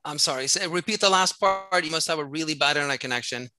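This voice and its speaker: A man's voice: a little high, fast, pushed and bright. A man from Norway, a musician guest, talking candidly over a video call with loose storytelling and many fillers.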